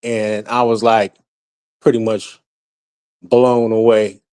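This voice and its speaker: A man speaking casually on a spiritual group call, rambling with frequent restarts and fillers, by his own account usually monotone. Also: fairly low pitch, takes it slowly, clear, resonant tone. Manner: self-described monotone. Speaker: community call participant.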